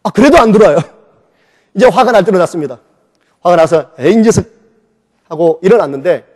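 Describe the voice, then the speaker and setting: High-voiced pastor preaching in a reverberant hall. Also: male voice. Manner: animated storytelling, acting out his own shouts and quoted voices. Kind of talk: sermon with personal testimony. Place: church sanctuary. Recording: long reverb of a church hall.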